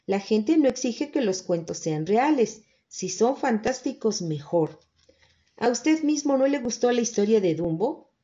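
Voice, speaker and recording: A woman's voice: on the high side, lively intonation, a little slow, warm tone, dull audio. A woman voicing a formal, encouraging male cricket teacher in a storybook, in a teacherly manner.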